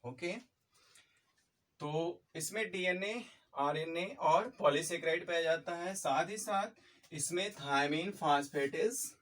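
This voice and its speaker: A man teaching a biology lesson, talking quickly and repeating key points, slipping in English terms. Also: on the high side, a bit bright, distant mic. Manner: quick, repetitive explanations mixing in English terms. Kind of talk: fast-paced biology lecture.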